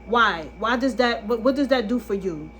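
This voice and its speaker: A woman talks straight into her phone in a blunt, emphatic monologue. Her voice is bright and forward. A faint background hum sits under it. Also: a little high, expressive, moderate pace, low-quality recording. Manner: blunt and emphatic, swears freely, keeps asking "you understand". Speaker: vlogger. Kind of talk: casual monologue to camera. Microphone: phone camera.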